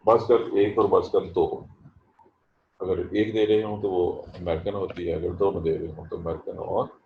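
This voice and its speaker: A man teaching a botany class online, explaining terms slowly and stressing how to pronounce them. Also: sits low, level tone, vocal fry, roomy sound, narrow, tinny audio, a little hiss or hum. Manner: slow, explanatory, stresses pronunciation. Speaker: botany professor. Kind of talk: online lecture.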